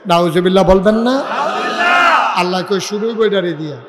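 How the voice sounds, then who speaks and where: A male preacher gives a fiery storytelling sermon at an outdoor gathering, shouting for responses from the crowd and cracking jokes. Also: high voice, normal speed, long reverb tail, very noisy.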